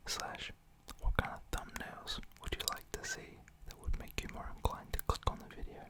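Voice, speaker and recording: This is a man's casual, meandering ASMR chat delivered at normal speed in a soft, breathy whisper near the mic. He's an ASMR creator with a gentle, reassuring, informal way about him.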